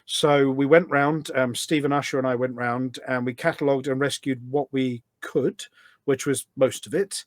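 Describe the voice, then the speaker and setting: The studio-quality recording, free of echo, captures a middle-aged man with a medium pitch, fairly even intonation and normal speed. As a podcast guest and volunteer event organiser, he talks casually and at length in a conversational interview, leaning on anecdotes to explain things.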